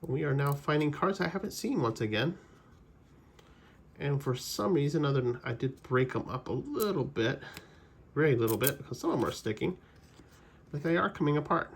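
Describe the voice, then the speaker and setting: A man with a fairly high, expressive voice and vocal fry opens trading card packs for his channel at a moderate pace, with long pauses and slight background noise. He rambles casually through player trivia, correcting himself now and then.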